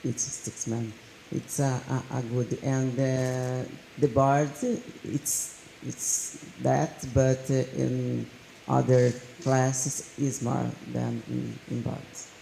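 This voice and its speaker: Halting woman with a gravelly voice. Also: very deep voice, little pitch movement, dark tone, slight background noise. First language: Portuguese. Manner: halting, searching for words. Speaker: federation vice president, panelist. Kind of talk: panel discussion. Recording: echoey room with faint ambience.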